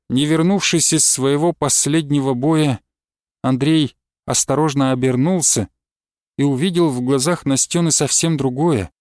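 A man narrating a novel as an audiobook, with a measured, expressive delivery. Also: a little high, dry recording, clean studio sound.

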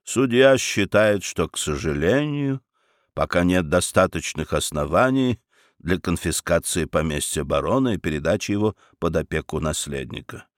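A flustered, courtly male burgomaster in middle age, full of smooth flattery and careful hedging, as a man reads him aloud. His voice drops low and quiet beneath the narrator's own, and the recording is close and dry. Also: normal speed, dry recording.

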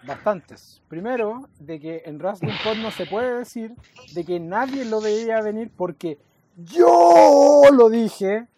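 A man's voice: high voice, measured pace, noisy background. A man with a Chilean accent co-hosting a casual wrestling podcast, teasing and knowing in tone. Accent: Chilean Spanish. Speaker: podcast co-host.

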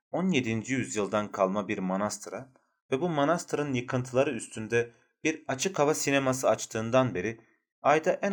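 In a steady audiobook narration, a man reads aloud from a literary novel. His pitch is an ordinary middle range for a man, and he keeps his delivery measured and even.

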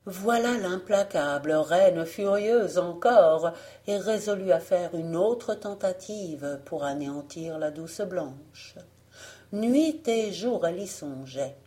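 A woman narrating a fairy tale audiobook. Her delivery is slow and deliberate, and her tone is dark and mellow. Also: lowish voice. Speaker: audiobook reader.

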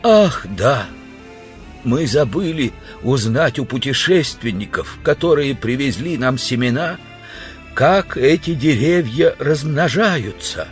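A man's voice: medium pitch, animated, faint music behind, voice pushed up. A man doing a moaning, dying stranger. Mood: weary. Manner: groaning, slow.

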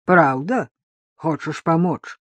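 A woman's voice: deep voice, slow pace, no echo. A woman voicing a terse, wary old village woman who speaks in a rural Belarusian-tinged dialect, for an audiobook. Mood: gruff, wary.

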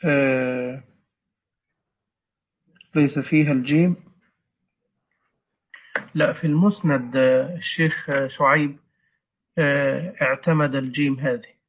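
A man's voice: mid-range voice, fairly even intonation, measured pace, pauses often. A man teaching a text, correcting the reader and explaining words, with frequent hesitation sounds. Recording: muffled lo-fi recording.

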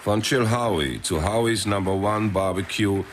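A man's voice: lowish voice, moderate pace, a little hiss or hum. A man narrating and playing the detective in a radio drama, dry and laconic.

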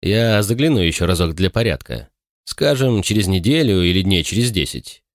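A courteous young country doctor speaks in a measured, fairly low voice, as a male reader voices him. The recording is dry and close. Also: lively intonation, dry recording.

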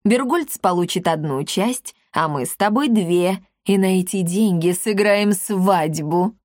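A woman doing a calm sly gendarme. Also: mid-range voice, no echo, clean studio sound, natural voice. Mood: calm, coaxing. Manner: slow, soft and coaxing. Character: calm, sly male gendarme, gentle-spoken.

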